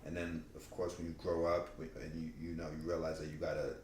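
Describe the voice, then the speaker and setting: A man with a very low voice talks casually and slangily as a podcast co-host. He peppers his points with little check-in phrases. The room echoes and there is faint noise behind him. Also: monotone, fairly quick. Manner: slangy, repeats "you know what I mean". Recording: roomy echo with faint background noise.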